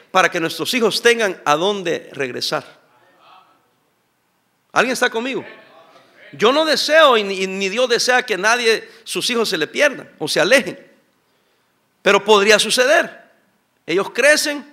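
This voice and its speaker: High, bright-voiced preaching pastor. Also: male voice, animated, a little slow, long pauses. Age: middle-aged. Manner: preaching with call-and-response questions. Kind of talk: sermon.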